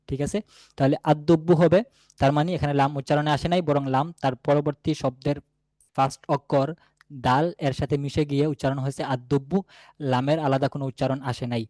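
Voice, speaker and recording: A man teaching a beginners' Arabic lesson, patiently repeating each example word slowly. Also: fairly high pitch, a little mellow, no echo. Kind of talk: classroom lesson.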